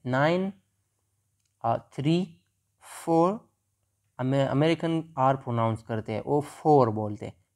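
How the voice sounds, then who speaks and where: A man with a Pakistani accent teaches a class, drawing out each vowel sound and example word. He talks at a very slow, deliberate pace, with a voice of middling pitch. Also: a little mellow. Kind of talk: slow explanatory lesson, reading word lists.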